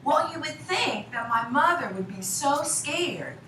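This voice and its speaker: Animated woman telling a childhood story. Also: high-pitched, measured pace. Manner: animated, acts out her childhood voice. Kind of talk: personal storytelling. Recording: roomy echo, distant mic, faint background noise.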